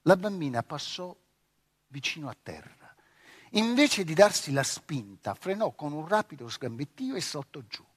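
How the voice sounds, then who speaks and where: Expressive male audiobook narrator. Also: on the high side, normal speed, slightly rough, dry recording, studio quality. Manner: expressive storytelling. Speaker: audiobook reader. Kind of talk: scripted literary narration.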